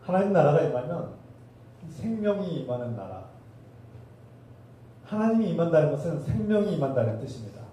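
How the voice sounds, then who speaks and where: A man's voice: on the high side, big pitch swings, fairly quick, long pauses, dark tone, slight background noise. A male pastor preaching a sermon, asking the congregation rhetorical questions. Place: church sanctuary. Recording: distant roomy church recording.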